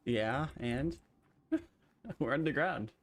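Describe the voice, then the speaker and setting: A man's voice: mid-range voice, lively intonation, very slow. A man hosting a game stream, bantering with friends, laughing and swearing freely. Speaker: streamer host. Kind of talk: casual gaming chat.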